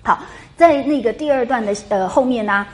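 A woman lecturing a class on a classic novel, chatty and animated, full of rhetorical questions. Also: fairly high pitch, moderate pace. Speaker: literature lecturer. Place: classroom with students.

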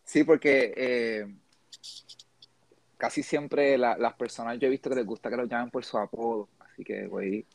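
A man's voice: mid-range voice, steady tone, normal speed, vocal fry, dry recording. A man hosting a casual podcast interview, chatty and rambling with frequent restarts. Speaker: podcast host.

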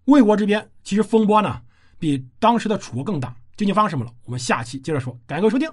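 A history podcast host retelling an ancient tale in a lively, conversational way with colloquial asides, on a close microphone. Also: medium pitch, very fast, breathy edge. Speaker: history storyteller. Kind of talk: casual history storytelling podcast.

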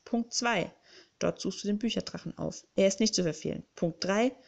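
A woman's voice: mid-range voice, moderate pace, creaky. A woman reading an audiobook, voicing a jovial, secretive male bookling creature who speaks dramatically and conspiratorially. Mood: hushed. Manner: dramatic, conspiratorial, grips and urges. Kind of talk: audiobook character voice.

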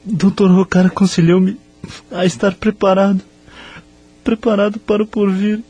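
A man's voice: high-pitched, little pitch movement, normal speed, dark tone, husky, soft background music. A man playing a bitter, jealous suitor with formal, theatrical delivery in a radio melodrama. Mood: worried. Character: jealous, bitter male suitor in old France. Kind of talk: melodramatic radio drama acting. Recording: faint hum and noise.

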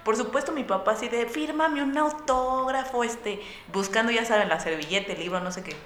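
A young woman with a Mexican Spanish accent, telling a lively anecdote to friends and acting out the voices of the people in it. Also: fairly high pitch, fairly quick, echoey room, slight background noise. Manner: lively storyteller acting out voices with bursts of laughter.

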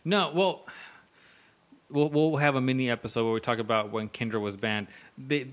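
A man runs a relaxed podcast chat, cracking jokes and swearing offhandedly. His voice sits at an ordinary middle pitch. He steers the conversation between his guests. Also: moderate pace. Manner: joking, swears casually, leads the conversation. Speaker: podcast host. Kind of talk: casual chat.

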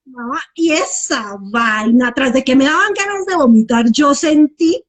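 A woman's voice: high voice, lively intonation, measured pace. A woman, telling her personal story as a guest and often calling the host by name. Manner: heartfelt, repeats the host's name often. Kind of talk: emotional personal testimony.

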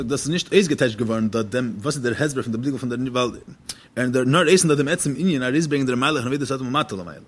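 A man's voice: mid-range voice, a bit bright, slightly rough. A man giving a religious text lecture as a teacher, posing questions and then answering them.

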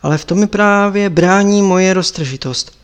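A man's voice: high voice, clean tone, natural voice. An ashamed young monk pupil, as a male narrator reads him in a storybook. He sounds subdued and troubled, and he complains plainly. The voice stays close to the reader's own.

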